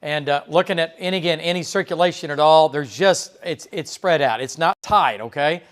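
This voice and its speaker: Broadcasting live tornado coverage from a TV weather studio, this male meteorologist speaks a little higher than most men. His radar walkthrough is relaxed and conversational, with fillers and quick "okay?" check-ins.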